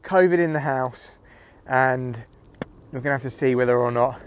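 A middle-aged British comedian and podcast host rambles through a casual solo audio diary while walking outdoors one evening, using headphones near his neck as the mic. He's wry and sweary, with a mid-range voice at normal speed. Slight background noise can be heard.

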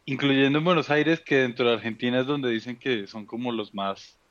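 A man from Colombia with a Bogotá accent, a guest casually telling travel stories in a relaxed way with many fillers. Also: medium pitch, moderate pace, dry recording, lo-fi sound. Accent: Bogotá Colombian (rolo). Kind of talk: casual interview conversation.

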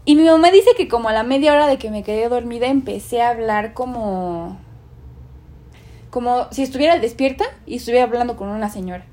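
A young woman, casually telling a ghost story from her childhood, animated and acting out the voices she quotes. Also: a little high, brisk. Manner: animated, acts out quoted voices, many fillers.

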